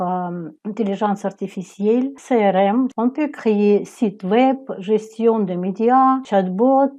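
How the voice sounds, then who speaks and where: Ukrainian lady talking thru a website, slow and kinda mellow, lots of euh pauses. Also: mid-range voice. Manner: hesitant, with frequent "euh" fillers and some non-native phrasing. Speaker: business presenter. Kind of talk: screen-share product walkthrough.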